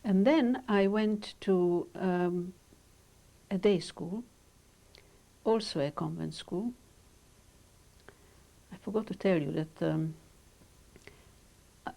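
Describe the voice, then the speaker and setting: Pausing often, she speaks in reflective, measured sentences: an older woman from Romania, Hungarian her first language, recalling her childhood in an oral history interview. The voice is low, gravelly, mellow, and dark.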